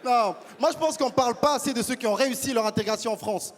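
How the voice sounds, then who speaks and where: African man, stand-up comic, very high voice, reverberant hall, faint crowd. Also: quick pace. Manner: punchy, animated delivery with stammered restarts. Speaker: stand-up comedian. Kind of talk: stand-up comedy set. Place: live stage at a peace forum.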